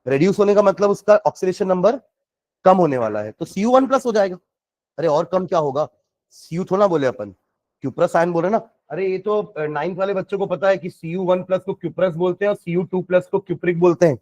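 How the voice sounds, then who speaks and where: A man teaching chemistry, dictating notes slowly word by word and asking students rhetorical questions, mixing Hindi and English. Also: sits high, darkish tone. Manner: mixes Hindi and English freely. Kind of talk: classroom lecture with dictation.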